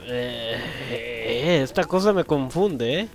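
A young man, commentating a video game as he plays, swearing loudly and laughing often at what happens on screen. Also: mid-range voice, expressive, extremely slow, gravelly, soft background music. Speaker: gameplay commentator. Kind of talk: let's play commentary.

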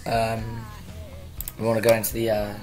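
A man with a croaky voice casually talking to viewers on a live stream, rambling as he sets things up. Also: on the low side, monotone, normal speed, over music. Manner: rambling, chatty, addressing viewers.

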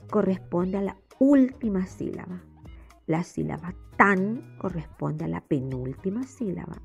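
Chilean woman teacher with a gravelly, husky voice. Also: medium pitch, darkish tone. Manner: slow, explanatory classroom delivery. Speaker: primary school teacher. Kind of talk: recorded remote lesson voice-over.

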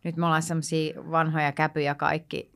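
A woman's voice: deep voice, smooth. Woman comedian telling stage stories. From Finland, Tampere. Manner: animated storyteller, acts out scenes with quoted lines. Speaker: stand-up comedian, podcast guest. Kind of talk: casual chat.

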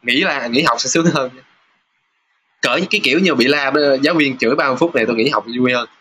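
The Japanese teacher speaks at medium pitch, pushed and bright with a breathy edge. He chats his way through test questions in a casual lesson, pausing with fillers and reading example sentences slowly aloud.

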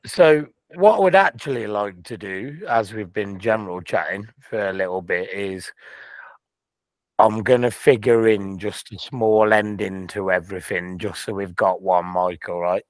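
A man hosting a casual online chat over a video call, talking in animated, punchy bursts. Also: lowish voice, measured pace, no echo. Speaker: host.

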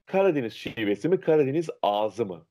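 A young man teaching diction answers interview questions with a voice that rises and falls in an animated way. He explains patiently and illustrates his points with examples of how people speak. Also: mid-range voice, a little fast. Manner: lively, illustrative, imitates dialect speech. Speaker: diction instructor.

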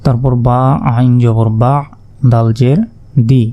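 Very dark-voiced man teaching Quran reading. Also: medium pitch, level tone, lo-fi sound. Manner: slow, spelling out letters and vowel marks one by one. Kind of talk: step-by-step recitation lesson.

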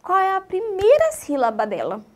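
A Brazilian woman teaching a literacy lesson to young children, in an animated, sing-song way and speaking straight to them. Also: extremely high pitch, moderate pace. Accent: Brazilian Portuguese.

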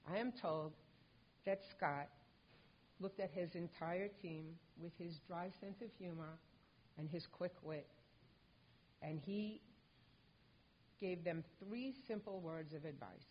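Reading calmly from a prepared tribute, an older woman at a lectern accepts a hall of fame honor for her late son. Her voice is fairly low, her delivery measured and composed, on a stage in a large indoor hall. The lectern microphone recording is dull and lo-fi, with a little hiss or hum.

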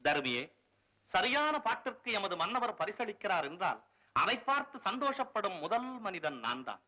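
A man's voice: high-pitched, sing-song, moderate pace. An actor playing a proud male court poet in a 1960s film, speaking formally and scolding. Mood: stern. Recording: dull old film soundtrack.

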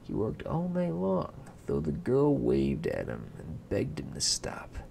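A man's voice: medium pitch, wildly swooping pitch, a little slow, creaky, warm tone, slight background noise. A young man reading a fairy tale aloud as a casual bedtime story, unpolished and breaking off to swear and laugh at himself.

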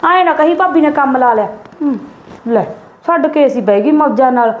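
A woman's voice: high-pitched, lively intonation, a little fast. A woman playing a stingy sister-in-law who nags and taunts. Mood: taunting. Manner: taunting, nagging. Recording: echoey room, dull sound, faint hiss.

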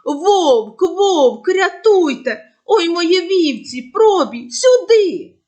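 A woman voicing a mischievous young shepherd boy in a storybook tale, shouting for help and laughing at others. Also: high voice, huge pitch swings, unhurried, full character voice. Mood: panicked. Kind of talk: storybook voice acting.

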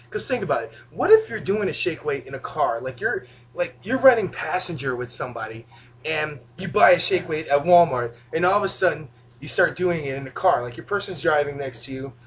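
A goofy young man shows off his home cooking to the camera from a few feet away, rambling and joking in a small kitchen. His slightly high voice is animated and a little fast. The camera mic adds a bit of hiss or hum.

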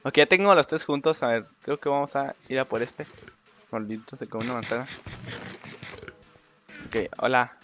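A young man with a Mexican Spanish accent giving casual commentary over a game, excitable, swearing and talking to the other players. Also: mid-range voice, moderate pace, pauses often. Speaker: gameplay commentator. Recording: dull lo-fi mic with faint game music.

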